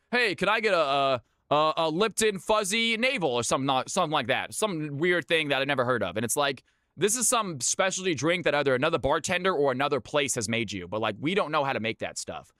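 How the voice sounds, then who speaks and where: A man with a bright, forceful, slightly high voice hosts a livestream for a gaming community. He talks informally to his viewers and calls out lobby announcements, often saying things twice. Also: no room sound, clean studio sound. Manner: chatty, informal, repeats phrases, addresses viewers as folks and big dog. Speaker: livestream host running community custom games.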